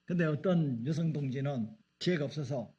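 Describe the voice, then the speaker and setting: A man's voice: fairly high pitch, moderate pace, dark tone, breathy edge, dull audio. A male pastor delivering a sermon, asking the congregation questions and acting out voices in the stories he tells. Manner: asks the congregation questions and acts out dialogue.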